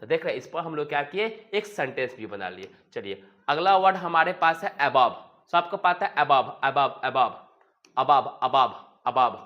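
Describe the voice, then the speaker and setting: A man's voice: fairly high pitch, lively intonation, moderate pace. A man teaching English vocabulary, who keeps repeating each word and asking and answering his own questions. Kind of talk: vocabulary lesson. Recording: dull lo-fi sound.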